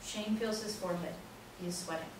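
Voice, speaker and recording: At a play reading, a female narrator reads out the scripted stage directions at a fairly quick pace, her medium-pitched voice keeping a fairly even intonation. The distant mic picks her up in a very echoey indoor room with plenty of noise.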